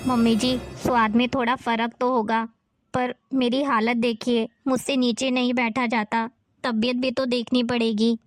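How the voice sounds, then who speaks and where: A woman's voice: fairly high pitch, flat delivery, normal speed, soft background music, close to an everyday voice. A woman playing a young pregnant daughter-in-law who pleads politely in a family drama. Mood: pleading.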